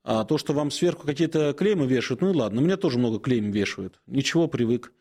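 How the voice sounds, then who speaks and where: Man, 40s, priest, call-in advice, unhurried, hesitant fillers, gentle counsel, mid pitch. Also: lively intonation. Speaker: Orthodox priest answering questions.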